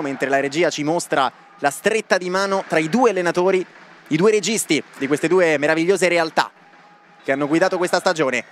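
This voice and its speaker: A young man giving excited live football commentary with an animated, raised voice. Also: on the high side. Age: young adult. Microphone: headset microphone.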